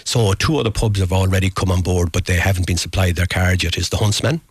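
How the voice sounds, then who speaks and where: A man's voice: low-pitched, steady tone, fast talker, slightly rough, no echo. A man with a Galway, west of Ireland accent, chatting informally as a guest in a radio interview. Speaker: guest, postcard designer.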